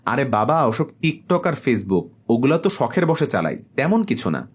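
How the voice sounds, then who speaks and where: Man voicing a young boy jinn, vain tiktoker, petulant, lively swoopy pitch, husky, storybook comedy. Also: a little slow. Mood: bantering. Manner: petulant, bantering.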